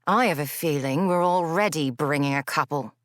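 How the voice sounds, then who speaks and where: A woman voicing a huge, calm male Fae who speaks in a low, relaxed, reassuring way. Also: moderate pace, no room sound, studio quality, natural voice. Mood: wry.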